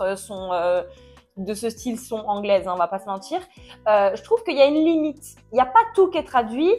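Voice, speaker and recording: A woman giving a casual book review chat, chatty and jokey, with mock dismay and quick self-corrections. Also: fairly high pitch, a little mellow.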